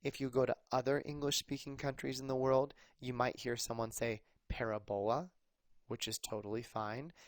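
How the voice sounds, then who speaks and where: A man's voice: medium pitch, flat delivery, brisk, hardly any pauses, no echo. A man teaching a math lesson, explaining patiently in a conversational way with some fillers. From United States. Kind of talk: recorded classroom lesson.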